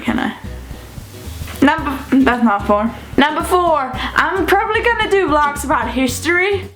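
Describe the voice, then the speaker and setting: A woman from Denmark, vlogging casually to camera in a bubbly, playful way with jokey asides. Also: high voice. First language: Danish.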